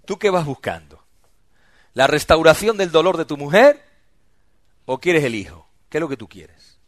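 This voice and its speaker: A man preaching a sermon as pastor, swinging between loud emphatic outbursts and hushed, low asides. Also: expressive, normal speed, no room sound.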